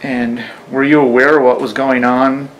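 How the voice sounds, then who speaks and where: A man asking measured questions as an oral-history interviewer. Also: medium pitch, little pitch movement, slight background noise, rough recording.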